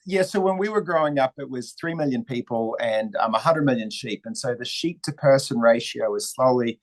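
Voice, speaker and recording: A man's voice: medium pitch, fairly quick, poor audio. A man from New Zealand with a New Zealand accent, talking as a guest in an interview in a thoughtful, reflective way. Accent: New Zealand, slightly Australian or American. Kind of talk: interview conversation.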